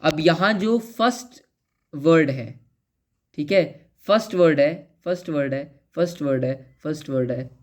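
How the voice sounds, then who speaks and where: A male teacher giving a casual literature lesson in mixed Hindi and English. He chats and jokes, then reads each English example slowly and carefully. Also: a little high, a little mellow.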